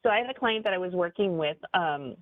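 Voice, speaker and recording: Animated woman advisor on a tinny line. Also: lowish voice, fast talker, no room sound. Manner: animated, conversational, lots of fillers. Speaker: business advisor giving a training. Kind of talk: webinar presentation. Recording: tinny phone-like dry audio.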